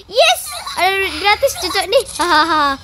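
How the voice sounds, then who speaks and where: A performer voicing an excitable young game character in a role-play, crying out in frantic panic. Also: very high-pitched, moderate pace, crowd noise. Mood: panicky.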